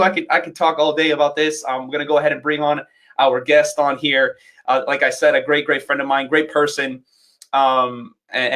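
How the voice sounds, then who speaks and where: A man's voice: mid-range voice, a bit bright. A man hosting a dance livestream interview, enthusiastic and rambling, with many fillers and restarts. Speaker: host and dance instructor.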